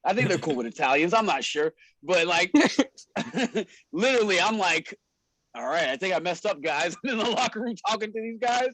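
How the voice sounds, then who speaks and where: A man's voice: sits high, lively intonation, normal speed, fairly bright tone, dry recording, rough recording. Laid-back man telling stories. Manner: laid-back, laughs often, slangy. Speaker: wrestler and show promoter. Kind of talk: casual storytelling in a podcast interview.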